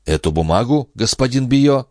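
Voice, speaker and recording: A man reading a young, naive peasant lad in an audiobook, earnest and excitable, always polite and always hungry. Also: mid-range voice, moderate pace, no echo, studio quality, pitched above the performer's own voice, lightly acted. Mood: earnest, puzzled.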